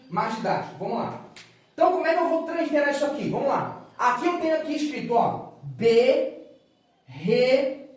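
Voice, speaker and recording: Teacher in a very echoey room. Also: male voice, extremely high pitch. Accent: Brazilian Portuguese. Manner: patient, repeats words and keeps checking with "tá?" and "ok?". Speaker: biblical Hebrew teacher. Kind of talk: recorded online lesson at a whiteboard. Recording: very echoey room, voice from far off the mic.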